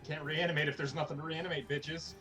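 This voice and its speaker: A man's voice: fairly high pitch, level tone, quick pace, pushed and bright, faint music behind. A man playing a tabletop game, casually commenting on the action.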